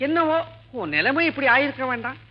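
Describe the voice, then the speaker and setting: A man's voice: extremely high pitch, very animated, fairly quick, muffled recording. An actor playing a teasing village doctor in a 1980s film, needling his friend with mocking comic banter. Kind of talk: 1980s film comedy acting.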